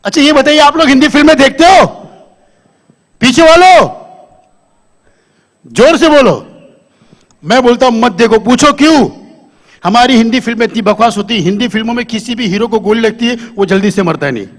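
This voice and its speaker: A man's voice: very high voice, fast. A man doing live stand-up comedy on a stage, talking to the audience into a handheld microphone and quizzing them.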